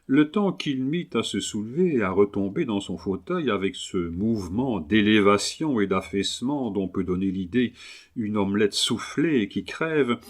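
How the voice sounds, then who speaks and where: Man, audiobook narration, measured expressive reading, low voice. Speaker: audiobook reader. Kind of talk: scripted narration.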